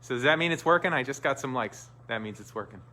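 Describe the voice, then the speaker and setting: A man's voice: medium pitch, expressive, quick pace, sharp tone. A man hosting a live stream in casual, joking banter, talking through a face mask. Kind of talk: casual chat.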